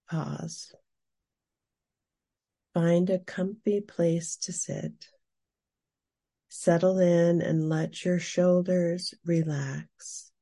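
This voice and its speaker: A woman speaks very slowly in a hushed, soothing spa manner, leading a guided meditation. Her voice is soft and breathy, with a mellow, relaxed tone and unhurried phrasing. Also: on the low side. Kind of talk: slow scripted narration and guided meditation.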